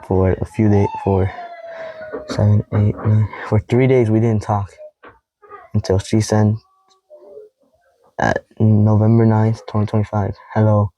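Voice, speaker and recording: A young man vlogging casually to camera, reading out old text messages in a rambling, halting way with heavy sighs. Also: on the low side, dry recording, dull audio, faint music behind. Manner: quoting text messages in a flat tone.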